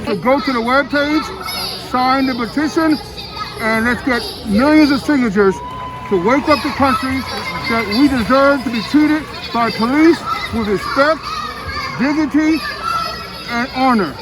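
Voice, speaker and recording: A man's voice: extremely high pitch, unhurried, poor audio. A man from Colorado canvassing at a march, earnestly urging people to sign a petition. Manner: earnest, pleading. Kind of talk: street interview. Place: outdoors at a street march. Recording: outdoor march with loud crowd. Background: loud crowd.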